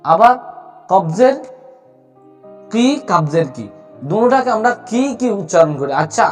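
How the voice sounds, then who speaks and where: Male teacher, high voice, patient repeating drills, soft music under the voice. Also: expressive. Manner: explains slowly, repeats letter sounds for drill. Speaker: Quran recitation teacher. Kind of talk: spoken tutorial.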